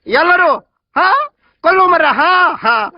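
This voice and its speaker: A man's voice: very high-pitched, expressive, measured pace, no room sound. A man with a Pakistani accent arguing indignantly over a phone call in broken, simplified phrasing. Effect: heard over a phone line. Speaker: caller in a prank call. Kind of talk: heated phone argument. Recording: muffled phone line.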